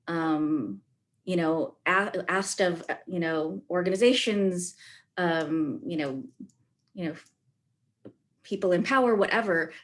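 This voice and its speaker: A woman panelist speaking on a video call, thinking aloud in halting phrases full of fillers. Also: lowish voice.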